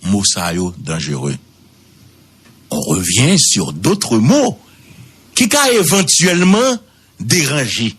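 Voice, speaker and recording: A man with a Haitian accent giving radio commentary, swooping high for emphasis and repeating words. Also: sing-song, takes it slowly, pauses often, a bit bright, husky.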